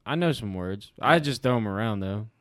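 A man's voice: on the low side, expressive, a little fast, a bit bright. A man co-hosting a comedy podcast, joking casually and laughing often. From Alabama, US. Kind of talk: casual chat.

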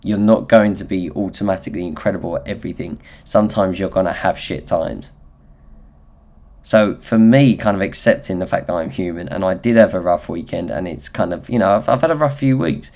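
Low-pitched nasal Essex man. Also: a little fast, darkish tone. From Essex, England. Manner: candid, self-deprecating, sweary. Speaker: podcast host. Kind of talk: solo motivational podcast talk, informal.

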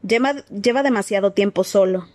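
A woman's voice: mid-range voice, normal speed, darkish tone, dry recording, natural voice. A woman voicing a curt, scornful grown man in an audiobook reading. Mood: cold scorn.

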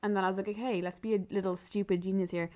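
A woman's voice: medium pitch, steady tone, rapid-fire, darkish tone. A young Irish woman in her twenties, co-hosting a podcast and telling a story in casual chat, laughing and rambling as she goes. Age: 20s. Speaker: podcast co-host.

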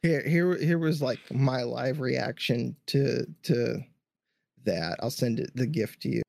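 Relaxed podcast guy, dry sound. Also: mid-range voice, a little slow, gravelly, dry recording. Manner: relaxed, chatty, hedging with 'like'. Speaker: podcast co-host. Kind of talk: casual movie review chat.

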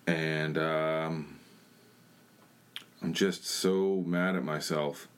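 A man's voice: extremely low pitch, steady tone, drawn-out words, smooth. A young man giving a blunt, plain-spoken personal testimony in a conversation. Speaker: church member sharing his testimony.

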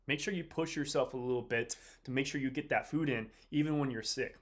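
Man, podcast host, sick and drained, mid-pitched voice, casual motivational coaching, slangy rambling delivery. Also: brisk. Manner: slangy, repetitive, rambling direct address. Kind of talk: casual motivational podcast talk to a live audience.

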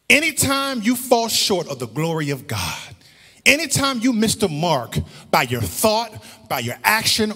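A man preaching a sermon as pastor, shifting between slow emphatic lines and rising shouts with sung phrases, recorded in a church sanctuary. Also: fairly high pitch, slightly rough. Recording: church hall reverb.

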